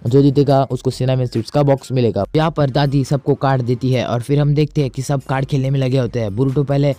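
A man's voice: mid-range voice, steady tone, fast talker, mellow, no room sound. A young man narrating an anime episode recap, plainly retelling the plot and reading out the characters' lines. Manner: plain storytelling, reads out quoted dialogue.

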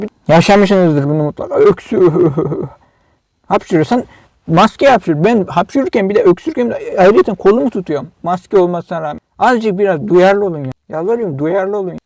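A man's voice: sits high, creaky, darkish tone, no room sound. A man vlogging an agitated, scolding rant to his viewers. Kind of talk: angry monologue to camera.

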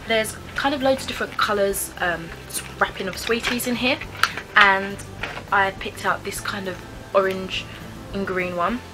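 A woman's voice: medium pitch, steady tone, moderate pace, music in the background, low-quality recording. A British woman in her twenties giving casual, chatty taste-test commentary, thinking aloud with some hesitation. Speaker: vlogger reviewing snacks. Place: small bedroom, indoors.

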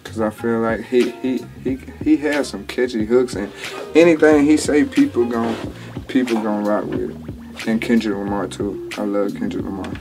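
Over a music bed in a small home studio, a rapper of twenty takes interview questions in a laid-back drawl, using plenty of slang and often restarting. He has a mid-range voice and talks at normal speed.

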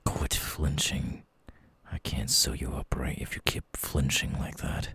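A man playing a menacing, teasing eyeless night creature in an ASMR roleplay, whispering in a breathy, gravelly, slow and deliberate way. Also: rumbling low, little pitch movement, fairly bright tone, no echo, full character voice. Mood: mock-sympathetic.

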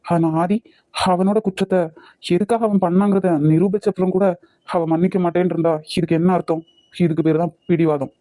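A man's voice: high voice, flat delivery, brisk, warm tone, no room sound, natural voice. A man voicing an earnest young man in a cartoon, with a Kanyakumari Tamil accent. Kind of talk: cartoon voice acting.

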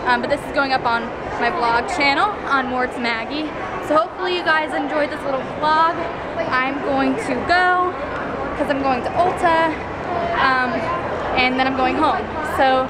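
A young American woman with a high-pitched voice speaks at normal speed, vlogging loudly and informally as she walks through a big indoor shopping mall. She rambles to a camera held at arm's length while the busy crowd makes the recording noisy.

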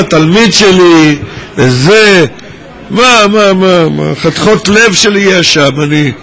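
Man, high voice, bright and sharp, teasing, calling out to the crowd, faint room noise. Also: low-quality recording. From Israel. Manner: teasing, joking, calls out to individuals in the crowd. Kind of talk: lively gathering talk to students. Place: large synagogue hall at a gathering.

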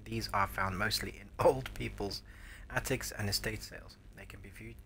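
A man's voice: lowish voice, steady tone, normal speed, sharp tone, slight background noise. A man in his thirties giving casual gameplay commentary, reacting in wry mutters as a streamer. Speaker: game streamer. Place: small room, indoors. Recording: faint game ambience behind voice.

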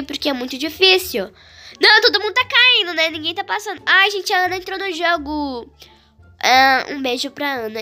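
A woman with a Brazilian Portuguese accent giving chatty, excitable gameplay commentary full of slang. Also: high voice. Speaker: gaming YouTuber.

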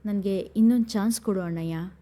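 A woman's voice: mid-range voice, a little fast, mellow, lightly acted. A woman voicing a remorseful young woman who pleads with a trembling voice. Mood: pleading.

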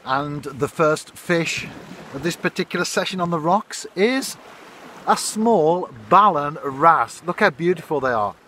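This man in his fifties narrates his day to camera from the seaside rocks, phone held at arm's length, talking in an easy, unhurried way. His fishing-vlog voice runs on the high side, expressive and bright with a forceful edge, at a measured pace, and there's a faint hiss or hum.

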